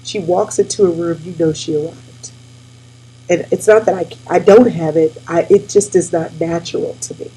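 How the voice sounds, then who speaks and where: A woman in her forties talking casually and warmly to her viewers, tearful and near crying, calling them y'all. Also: lowish voice, steady tone, normal speed, slight background noise, poor audio. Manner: tearful, addresses audience as y'all. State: weepy, near tears. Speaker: host. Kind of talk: casual heartfelt talk to viewers.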